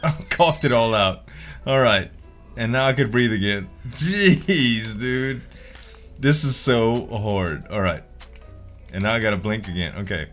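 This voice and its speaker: A man's voice: on the low side, unhurried, fairly bright tone, soft background music. A young man giving casual, exclamatory gameplay commentary as a let's-player, swearing freely. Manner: exclamatory, swearing, laughs readily. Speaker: let's play gamer.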